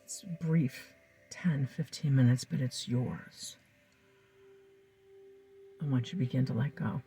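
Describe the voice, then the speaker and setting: A hypnotist leading a calm guided induction, with soft, breathy, soothing speech and slow phrases broken by lingering pauses. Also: mid-range voice.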